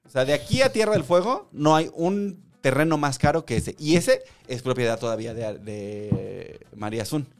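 A man's voice: medium pitch, animated, normal speed, soft background music. A young man with a Mexican Spanish accent, hosting a podcast in casual chat. He tells stories with energy, acts out the voices of the people he quotes and laughs often. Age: young adult. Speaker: podcast host.

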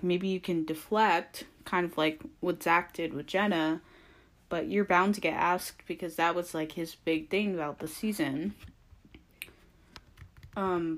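Young woman, lower-pitched, casual recap chat. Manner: conversational, rambling, frequent "like" and hedged opinions. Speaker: reality TV recap podcaster. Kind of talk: casual opinionated recap commentary.

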